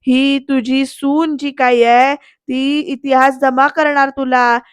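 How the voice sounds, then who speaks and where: A woman voicing a sly middle-aged man who taunts in a slow, drawn-out way. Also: high-pitched, level tone, smooth, dry recording, studio quality. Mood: taunting.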